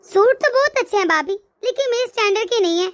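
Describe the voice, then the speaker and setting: A woman's voice: very high voice, expressive, fast. A woman voicing a snobbish young woman who looks down on others, with a haughty, dismissive manner. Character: snobbish young woman, proud of her standards. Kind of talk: cartoon voice acting.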